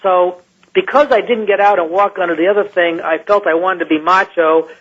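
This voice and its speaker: A man who is a scientist recounts an encounter in a radio interview, halting and restarting often as he talks. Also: high-pitched, steady tone, fairly bright tone. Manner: halting, with many restarts and fillers. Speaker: guest scientist. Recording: muffled lo-fi radio line.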